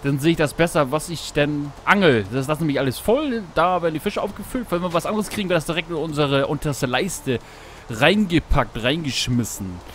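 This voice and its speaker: A man casually commenting on his gameplay while fishing, talking to himself, greeting animals in the game, and yelping excitedly at each catch. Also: fairly high pitch, fairly quick, a little hiss or hum. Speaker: Let's Play host. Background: background game music.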